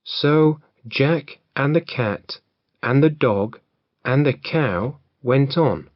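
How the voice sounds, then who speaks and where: Guy reading a fairy tale for learners, really slow, dull lo-fi. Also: mid-range voice, lively intonation, dry recording. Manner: clear, deliberate. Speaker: reader.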